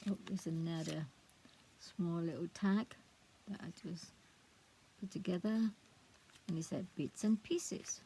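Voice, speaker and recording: A middle-aged woman talks through her handmade craft book in a relaxed, unhurried way, pausing and searching for words. Her voice sits a little low and has a gravelly edge. A faint hiss of room noise stays under her. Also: rough recording. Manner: chatty, hesitant, trails off searching for words. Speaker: craft vlogger. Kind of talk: casual show-and-tell of a handmade book.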